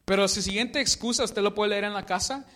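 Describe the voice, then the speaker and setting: A man preaching a sermon in a relaxed storytelling way, sometimes stopping to search aloud for a word. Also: high voice, brisk, long reverb tail.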